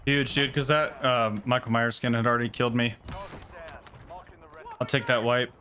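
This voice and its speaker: A man's voice: medium pitch, steady tone, moderate pace, background noise. Casual cursing male game streamer. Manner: casual, frustrated gamer slang with frequent swearing. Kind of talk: live gameplay commentary.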